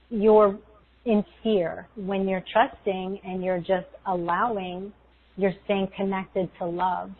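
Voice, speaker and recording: A woman speaks as a spiritual meditation guide, soothing and unhurried. Her pitch stays level and her phrases come slowly, with pauses between them. The sound is thin and narrow, like a phone call. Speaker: guest energy healer leading a guided meditation. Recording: tinny, phone-like call audio.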